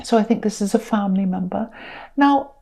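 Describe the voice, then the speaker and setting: A woman giving a casual tarot reading to camera, unhurried and repetitive with many ums, tired and speaking through a sore throat. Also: medium pitch, vocal fry, warm tone. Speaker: tarot reader.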